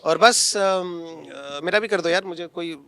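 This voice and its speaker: A man's voice: high-pitched, unhurried, fairly bright tone, smooth. A young man, a coaching teacher, chatting casually and teasing his colleagues with frequent laughs. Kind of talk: casual joking chat among colleagues.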